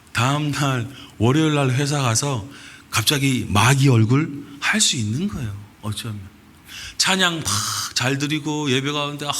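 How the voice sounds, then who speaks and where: Pastor guy preaching, lively storyteller, crisp bright tone. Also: fairly high pitch. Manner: animated storytelling, acting out quoted lines. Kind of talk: sermon. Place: church sanctuary.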